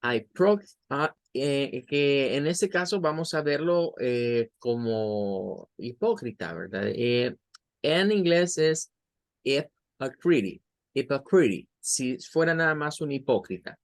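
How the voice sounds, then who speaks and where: A man at a middle pitch gives an English lesson in a patient, unhurried way. He breaks each word into syllables and says them again and again so learners can follow. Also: lively intonation. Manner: slow, patient, spells out and repeats syllables. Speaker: English teacher. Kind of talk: bilingual vocabulary lesson.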